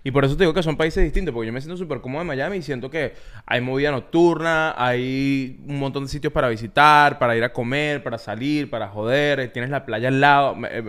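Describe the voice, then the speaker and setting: A man co-hosting a casual podcast chat, slangy and animated, cursing casually. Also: medium pitch, brisk. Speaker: podcast co-host. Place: Miami.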